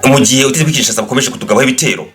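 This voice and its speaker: Male interpreter-host, rapid steady delivery, relays every answer. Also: mid-range voice, noisy background. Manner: brisk, restates each answer in turn.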